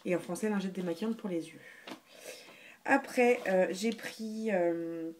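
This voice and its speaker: A woman's voice: fairly low pitch, measured pace, a little mellow, a little hiss or hum. A woman chatting casually through a beauty haul video, hesitant, with many fillers and restarts. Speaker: beauty vlogger.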